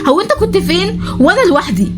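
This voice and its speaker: A woman with an Egyptian accent voicing an outraged middle-aged mother who scolds fast. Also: very animated. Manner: scolding, high-pitched and fast. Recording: voice over loud background music.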